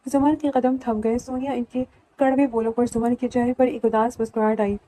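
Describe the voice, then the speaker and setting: A woman narrating a romantic novel as an audiobook, in steady storytelling. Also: on the high side, low-quality recording. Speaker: novel reader.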